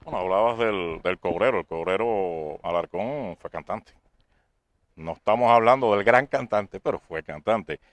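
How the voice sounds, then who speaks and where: Male interviewer and sports narrator, lowish voice, measured questions, dry close sound. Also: no room sound.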